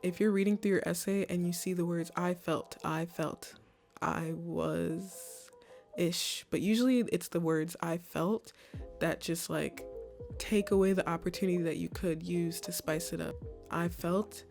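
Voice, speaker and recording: A young woman talks casually to camera, giving college essay advice in a lowish, steady, slightly mellow voice with vocal fry and an unhurried pace. Her chatty talk is full of "like"s and restarts, with faint music playing behind her.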